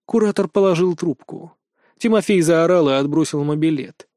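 A man reads the narration of an audiobook with steady, dramatic storytelling. His voice is slightly high and mellow, recorded close in a dry, dead space. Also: normal speed, no echo. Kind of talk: scripted narration.

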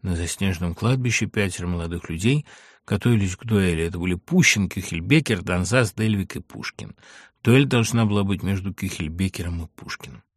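A man narrating a novel aloud in an expressive, animated reading. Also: sits low, brisk, slightly rough, no room sound, studio quality.

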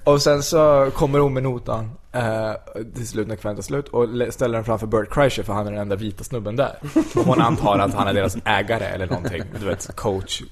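A man's voice: lowish voice, fairly even intonation, hardly any pauses. A man telling a funny story animatedly in a casual podcast chat, laughing often.

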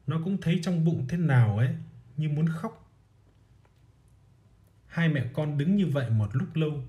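A man narrates a short story at a very slow, measured pace. His voice sits a little high, yet the tone stays dark and mellow. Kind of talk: audiobook reading of a short story.

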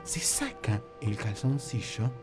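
A man's voice: lowish voice, slow, darkish tone, faint music behind. A man with an Argentine accent telling a comic story on the radio, jumping into exaggerated voices and constantly asking "¿viste?". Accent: Rioplatense Argentine Spanish. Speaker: radio comedy host.

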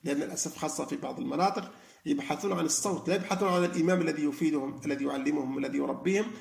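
A man's voice: a little high, racing, vocal fry, darkish tone, roomy sound. A man giving a religious ethics lesson, talking earnestly with many fillers and restarts. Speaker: Islamic ethics teacher. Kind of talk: religious lesson explaining sayings.

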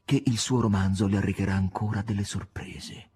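A man reading an audiobook, voicing the devil as a calm, sly older man in a low, hushed, half-whispered voice. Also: a little fast, husky. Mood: calmly amused.

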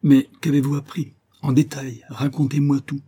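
Guy reading out a blunt young army colonel, dark husky voice, no-nonsense audiobook dialogue. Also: mid-range voice, little pitch movement, moderate pace, voice pushed up, close to an everyday voice. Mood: earnest. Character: young wealthy male colonel, curt and commanding.

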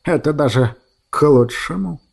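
Guy doing a teary old grandma voice, soft and fond, kinda higher, mellow. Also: a little slow, vocal fry, slightly rough, full character voice. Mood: joyful. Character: old woman, emotional, gruff yet tender.

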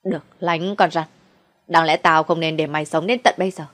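A woman's voice: low voice, fairly even intonation, fairly quick, lightly acted. A woman putting on a cruel, scornful old village woman. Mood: commanding. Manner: harsh scolding.

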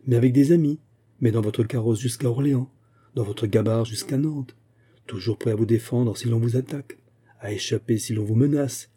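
Urgent, pressing male adviser read by a man, dark tone, audiobook. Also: mid-range voice, normal speed, breathy edge, close to an everyday voice. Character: eager male secretary urging flight.

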